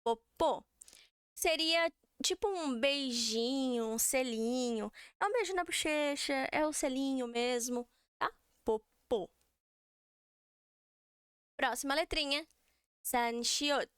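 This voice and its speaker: A woman's voice: high voice, a little slow, a bit bright, no room sound, clean studio sound. A young Brazilian woman with a Brazilian Portuguese accent, teaching a beginner language lesson and patiently repeating syllables for students to copy.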